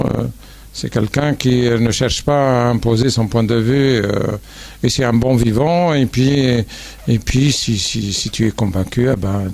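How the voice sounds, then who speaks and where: A man from Tunisia addresses a panel debate in an even, mid-range voice. He talks haltingly, circling back and restarting his sentences. Now and then he drops in a wry aside. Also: mid-range voice. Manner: hesitant, many restarts and fillers, wry asides. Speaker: panel speaker. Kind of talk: public debate remarks.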